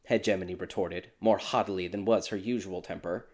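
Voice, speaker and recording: A man with a low voice reads a dark fairy tale aloud. His narration is scripted, measured and steady, and he keeps an even storyteller's pace.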